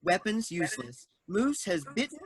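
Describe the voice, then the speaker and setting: A woman voicing a building's robotic security system in clipped, monotone announcements. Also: fairly low pitch, moderate pace, husky, dry recording.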